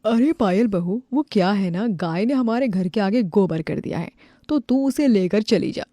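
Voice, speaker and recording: A woman's voice: mid-range voice, expressive, normal speed, dark tone, no room sound, studio quality, close to an everyday voice. A woman voicing a mocking neighbour woman who taunts the young bride, sounding set back from the mic. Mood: taunting.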